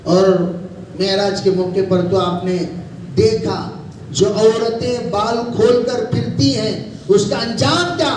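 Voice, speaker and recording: A man's voice: sits high, takes it slowly. A man preaching a sermon to women as a mufti, admonishing and repeating his points. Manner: repetitive, admonishing exhortation. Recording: very echoey hall from a distance, faint noise.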